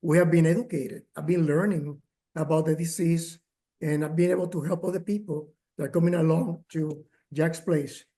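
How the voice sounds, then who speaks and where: A man speaking as a caregiver at a workshop, telling his story with many pauses, fillers and restarts, and growing emotional at times. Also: fairly high pitch, fairly even intonation, mellow. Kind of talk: personal testimony, remote talk.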